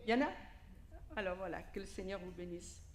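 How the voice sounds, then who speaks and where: Brisk and on the low side, the voice belongs to a woman from Italy, a native Italian speaker, in an echoey room. As a lay preacher at a church hall service, she gives an informal sermon, talking directly to the congregation with questions and asides.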